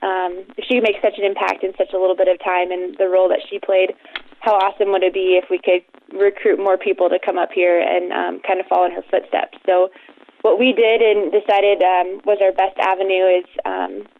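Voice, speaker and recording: A woman's voice: medium pitch, a little fast, vocal fry, no room sound. Young woman over a tinny phone line. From Colorado. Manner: earnest, steady, with frequent "um"s. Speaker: phone-in guest, head of a charity. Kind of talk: phone interview.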